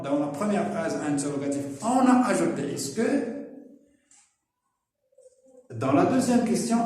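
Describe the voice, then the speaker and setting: Slow, lively-voiced man teaching in an echoey room. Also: a little high. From Morocco. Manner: explains slowly, often checking with "d'accord?" and "hein?". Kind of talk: classroom grammar lesson. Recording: echoey room, voice heard from far off.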